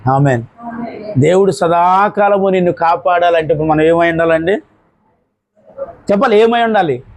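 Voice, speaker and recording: A man, a pastor preaching a sermon and calling for amens from the congregation, switching between loud exclamations and slow, low phrases. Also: poor audio. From India. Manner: call-and-response preaching, urging amens.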